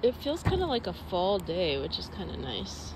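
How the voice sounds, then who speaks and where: Over a noisy background, a young woman speaks at normal speed in a fairly low, sing-song voice. She's a vlogger living out of her car, camping in a forest and chatting casually to a phone held at arm's length, thinking aloud with many fillers.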